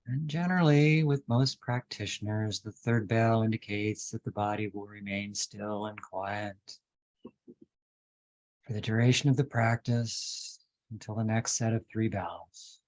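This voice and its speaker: With a voice on the low side, a man guides a meditation as its teacher, using calm, deliberate, measured phrases separated by long pauses. The audio quality is poor.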